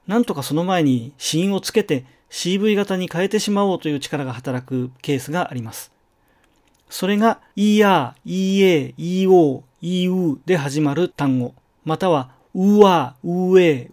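A middle-aged man teaching Spanish pronunciation in a recorded lecture, slowly and carefully sounding out each example word. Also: on the high side, a little mellow. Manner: slow, careful, enunciated example words.

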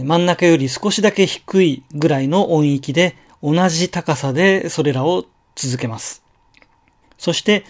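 A man giving a recorded language lesson, explaining word stress slowly and carefully, with pauses and fillers. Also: on the high side. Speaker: language teacher. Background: wood block clicks.

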